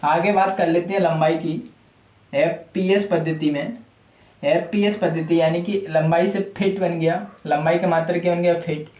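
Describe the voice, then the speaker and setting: A man's voice: fairly high pitch, fairly even intonation, moderate pace, darkish tone, roomy sound, lo-fi sound. A male teacher giving a classroom lecture who asks his own questions and answers them, repeating the key terms.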